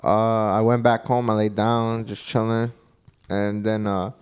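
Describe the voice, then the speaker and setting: A man's voice: fairly low pitch, level tone, unhurried, a little hiss or hum. A young man co-hosting a podcast in casual, slangy chat. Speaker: podcast co-host.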